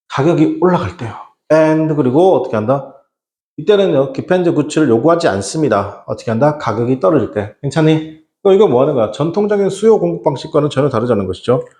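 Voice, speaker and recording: Here a man speaks at medium pitch with a slightly mellow quality, recorded in an echoey room. Running an English exam prep lesson in Korean, he throws out rhetorical questions, answers them on his own, repeats "어떻게 한다?" and drops in slangy casual remarks.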